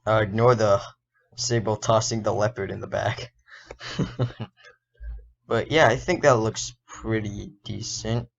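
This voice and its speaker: A man explaining an animation as a casual tutorial, thinking aloud and correcting himself, his voice a little hoarse. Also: on the low side, fairly even intonation, takes it slowly, pauses often. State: slightly hoarse. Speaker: indie game developer and animator. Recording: dull lo-fi recording.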